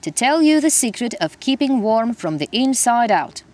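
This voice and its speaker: A woman's voice: on the high side, very animated, moderate pace, darkish tone, voice pushed up. A woman voicing an earnest male gold prospector addressing a crowd, for a storybook reading. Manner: speech-making, earnest.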